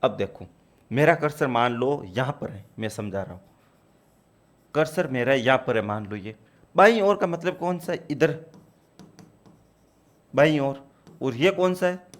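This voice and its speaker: A man's voice: medium pitch, animated, measured pace, long pauses. A man teaching a computer exam-prep class, explaining step by step and repeating key points to his students.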